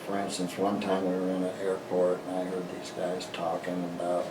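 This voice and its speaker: An older American man, a veteran, remembering his past in an interview in a halting, plain-spoken way. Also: low voice, completely flat delivery. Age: older, 60s or above. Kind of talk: personal reminiscence in an interview. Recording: roomy, distant mic, noisy background.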